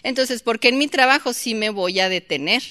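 Woman, church teacher, bright and sharp tone, conversational delivery with audience questions. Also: on the high side, fairly quick. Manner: acts out shouting mother and child in quotes. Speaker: Bible teacher.

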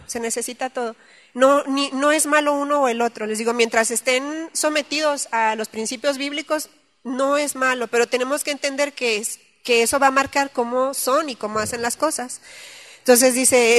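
A woman leads a Bible study. She talks casually and animatedly. She acts out quotes and stories, often laughing along the way. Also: sits high. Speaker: Bible class teacher. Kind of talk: conversational church teaching.

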